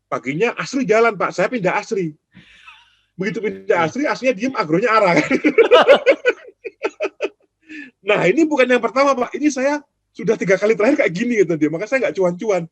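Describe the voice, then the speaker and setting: A man hosting a casual chat about trading, animated, often acting out other traders' quoted words in raised voices. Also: high voice, fast, husky, no echo. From Indonesia. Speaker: trading show host.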